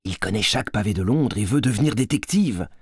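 Man narrating a storybook, husky, lively pitch, dry close recording. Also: fairly quick, no echo. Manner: expressive, varied delivery.

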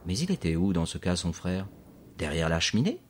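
A man narrating a storybook in a measured, scripted audiobook delivery. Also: deep voice, very animated, a little hiss or hum.

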